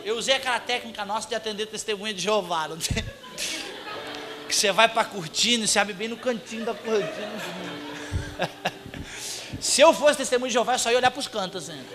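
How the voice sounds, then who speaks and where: Brazilian male pastor, high bright voice, comic animated sermon storyteller, light music underneath. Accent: Brazilian Portuguese. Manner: comic, animated, acts out shouted quotes. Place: church congregation hall.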